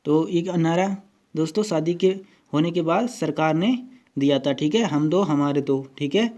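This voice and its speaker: Walking students step by step through memory tricks at a whiteboard, this coaching-class teacher speaks at a fairly high pitch with a darkish tone, and the highs are cut off in the recording. He often repeats "dosto" and "theek hai" and spells out words slowly.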